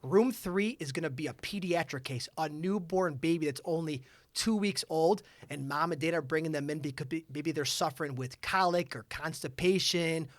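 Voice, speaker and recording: A man, a chiropractor, talking as a guest in a casual podcast chat, energetic and full of stories. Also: on the high side, normal speed, no room sound. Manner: energetic storyteller.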